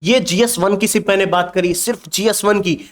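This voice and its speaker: Emphatic high-voiced male exam coach. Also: normal speed. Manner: emphatic, lecturing, rhetorical questions to students. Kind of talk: motivational exam-prep lecture.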